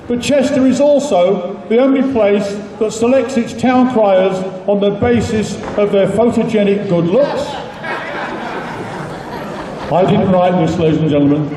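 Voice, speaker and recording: A man's voice: high-pitched, moderate pace, warm tone. A man hosting a live competition, addressing the public in an informal, jokey compering style. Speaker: competition host and announcer. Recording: distant, echoey PA announcement with crowd.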